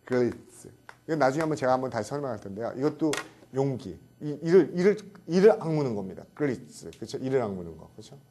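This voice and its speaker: A man's voice: medium pitch, sing-song, fast, dark tone, slight background noise. A middle-aged man giving a vocabulary lecture, repeating words and often checking in with his students. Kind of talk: classroom lecture.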